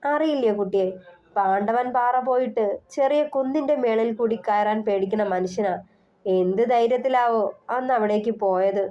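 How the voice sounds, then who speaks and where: A woman's voice: fairly high pitch, normal speed, warm tone, close to an everyday voice. A woman voicing a fretful, tender middle-aged widowed mother in a storybook reading. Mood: sorrowful. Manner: fretful, affectionate.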